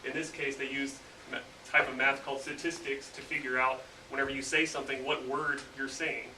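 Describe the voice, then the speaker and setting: Captured by a noisy, distant mic in a roomy space, a male engineer speaks fairly quickly in a mid-range voice. He describes his work to a class of students in a relaxed, casual way, leaning heavily on fillers such as "you know."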